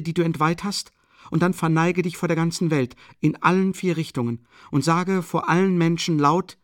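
A man reading an audiobook, voicing a desperate young woman who pleads in a high, loud, urgent voice. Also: dry recording, clean studio sound, close to an everyday voice.

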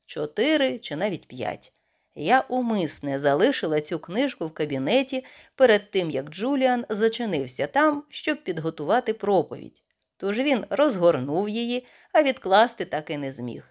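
A woman reading the part of a chatty, excitable young vicar's wife in an audiobook, gushing along in breathless chatter. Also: medium pitch, lightly acted.

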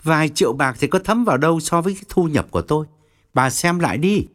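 A man's voice: fairly high pitch, animated, quick pace, fairly bright tone, pitched above the performer's own voice. A man voicing a boastful, menacing male feng shui master in an audiobook. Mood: solemn warning. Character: smooth-talking middle-aged male feng shui swindler. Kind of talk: audiobook reading.

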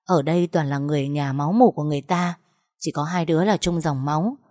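A woman's voice: deep voice, quick pace, mellow, no room sound, clean studio sound, lightly acted. A woman doing a coaxing, eager mother. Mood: lecturing. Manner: coaxing, pleading. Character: coaxing middle-aged mother, eager to please.

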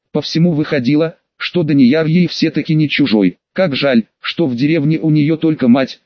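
A man narrating a fantasy audiobook in a measured, even reading, voicing the characters' lines with little change. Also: a little high, no echo, highs cut off. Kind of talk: scripted narration.

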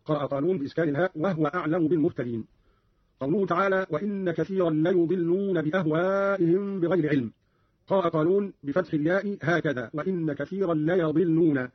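Brisk husky man, dry radio sound. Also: on the high side, no echo. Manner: brisk formal explanatory delivery. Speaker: radio presenter explaining readings. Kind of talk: scripted explanatory narration. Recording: dry muffled radio broadcast.

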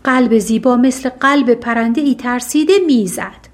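A woman narrating a fairy tale audiobook in a calm, even storytelling manner. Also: on the high side.

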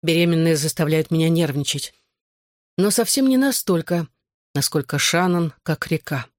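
An audiobook reader giving wry first-person narration in an even manner. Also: mid-range voice, normal speed, dry recording, clean studio sound.

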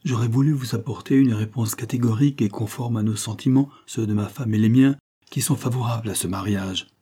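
A courteous middle-aged industrialist chooses his words with care, voiced by a male narrator. The tone is low and mellow with a husky edge. The delivery is a measured, classic audiobook reading. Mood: polite caution.

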